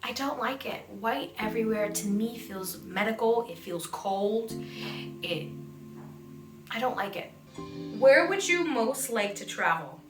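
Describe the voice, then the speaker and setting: Answering fans in a casual vlog Q&A, this young adult voice actor stays bubbly and giggly and often pokes fun at herself. Her voice is on the high side with lively intonation and a measured pace. A roomy echo and background music color the recording.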